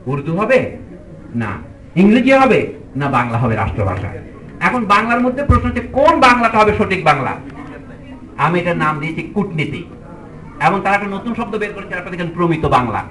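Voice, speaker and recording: Man lecturing from afar, high bright voice. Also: big pitch swings, fairly quick, pauses often, distant mic, a little hiss or hum, poor audio. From Bangladesh. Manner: argumentative, with pointed rhetorical questions. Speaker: teacher giving a public speech. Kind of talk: formal public lecture.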